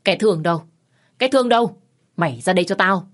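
A woman voicing a loud, quarrelsome woman over fifty who shouts and wails theatrically in an audio story. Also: animated, quick pace, close to an everyday voice. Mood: furious. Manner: shrill, wailing, theatrical ranting.

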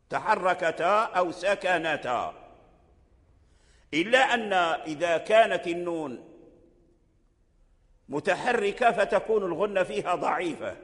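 Man, sheikh giving a religious lecture, high voice for a man, slow and repetitive, long reverb hall. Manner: repeats phrases, slow deliberate explanation. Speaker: sheikh teaching Quran recitation.

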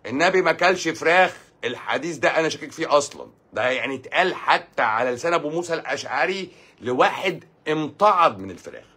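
A man with an Egyptian accent talks quickly on a live stream, reading out and answering viewer comments. His voice is husky and a little breathy, and he keeps a joking, offhand tone. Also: a little high, animated, pushed and bright. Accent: Egyptian Arabic. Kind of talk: casual live stream chat.

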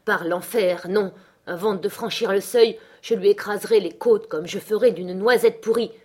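A woman's voice: medium pitch, moderate pace, a little mellow, slightly rough, natural voice. A woman voicing a violent, contemptuous young man in an audiobook, sneering and threatening. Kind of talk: audiobook character reading.

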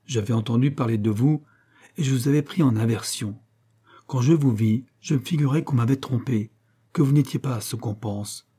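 A man reading aloud who voices an earnest, pious sixteen-year-old Venetian girl, pleading softly and at times in a hushed voice. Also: medium pitch, moderate pace, slightly rough, natural voice. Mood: hushed dreamy. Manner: pleading, soft and dreamy, sometimes whispered.

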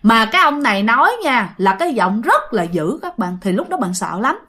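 A woman's voice: fairly high pitch, very animated, moderate pace, bright, forceful tone. Chatty woman storyteller. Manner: chatty, addressing listeners directly. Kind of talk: ghost story narration.

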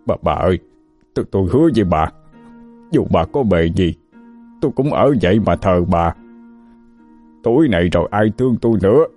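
A man's voice: fairly low pitch, measured pace, long pauses, mellow. A man voicing a tearful old village husband who stammers and pleads, with faint music behind. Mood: pleading tearful.

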